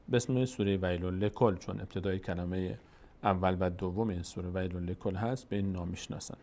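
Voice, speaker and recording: Man, lowish voice, Quran reading teacher, patient, repetitive, drawn-out demonstration syllables. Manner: patient and repetitive, stretching out sounds when demonstrating; asks and answers his own questions. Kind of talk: step-by-step recitation lesson.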